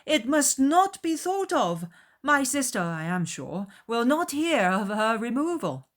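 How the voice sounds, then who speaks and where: A woman voicing an amiable, impulsive young gentleman in a dramatized audiobook, speaking in an eager, courteous, emphatic way. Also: fairly high pitch, big pitch swings, unhurried, pitched above the performer's own voice. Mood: alarmed.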